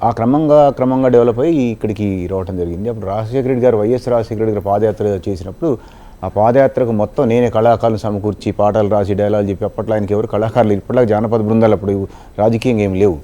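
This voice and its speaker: A middle-aged ventriloquist from southern India talks quickly in a mellow, warm tone. He rambles through his story and often restarts his phrases. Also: on the low side, lo-fi sound. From Khammam region, southern India. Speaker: ventriloquist and mimicry artist, guest. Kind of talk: casual interview storytelling.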